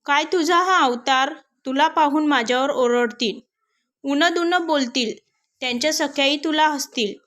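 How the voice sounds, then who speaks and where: A woman's voice: high voice, moderate pace, a bit bright. A woman voicing a timid young household maid who talks anxiously and pleads in a storybook tale. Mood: worried.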